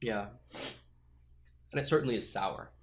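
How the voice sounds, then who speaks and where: A podcast host in easygoing chat who steers the talk and drops dry, teasing remarks. The voice sits at a middle pitch. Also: unhurried, a little hiss or hum.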